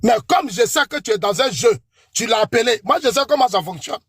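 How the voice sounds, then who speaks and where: In a heated political debate, a man with an Ivorian French accent keeps calling his opponent out by name and preaches warnings of God's judgment. His husky voice sits very high for a man, and his delivery is animated and brisk. The recording is dry and close-miked.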